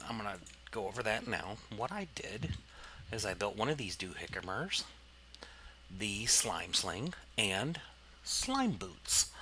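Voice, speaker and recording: A man's voice: lowish voice, sharp tone, slight background noise. A man casually commenting on his gameplay, rambling and explaining as he goes, with plenty of fillers. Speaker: let's play host.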